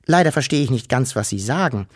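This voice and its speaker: Ein Mann spricht Wischel, ein ängstliches kleines Wesen. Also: male voice, mid-range voice, animated, quick pace, husky. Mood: weary. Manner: anxious, sighing, plaintive. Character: small timid female furry creature with green hair.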